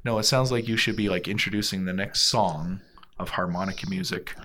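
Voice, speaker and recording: A man co-hosting a casual podcast chat in a dry, monotone way. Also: sits low, brisk, a little hiss or hum. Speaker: podcast co-host.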